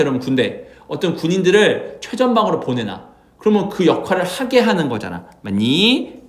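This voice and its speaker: A man teaching English vocabulary in an exam prep lecture, checking in with his students again and again as he explains. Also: fairly high pitch. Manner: lively, asks students constant check-in questions.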